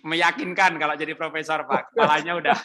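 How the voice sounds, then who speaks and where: A man's voice: on the high side, steady tone, fast talker, a crowd in the background. A man hosting a webinar, reading out audience questions to his guest in an informal, joking way. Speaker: webinar host. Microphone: video call.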